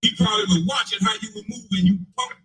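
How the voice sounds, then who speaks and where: A man's voice: sits high, fast talker, pushed and bright, low-quality recording. A man in his forties in a profane, mocking, taunting rant. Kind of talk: heated rant.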